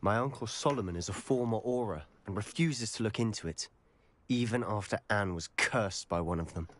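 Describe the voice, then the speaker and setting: A man's voice: fairly low pitch, moderate pace, close to an everyday voice. An actor playing an earnest, determined young male wizard student in a video game. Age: young adult.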